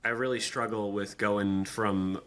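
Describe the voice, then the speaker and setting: A man's voice: lowish voice, steady tone, measured pace, crowd noise. A young man co-hosting a podcast, chatting casually and sometimes hamming up a reading in a put-on voice. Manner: reads aloud in a hammy put-on voice, laughs easily. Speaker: podcast co-host. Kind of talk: casual chat.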